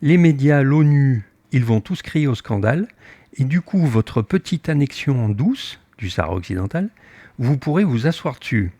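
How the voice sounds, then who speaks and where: A man's voice: medium pitch, normal speed, no room sound. An older man, a sailboat captain, recounting his voyage and acting out his own heated exchanges in casual spoken storytelling. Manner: animated, acts out his own heated dialogue.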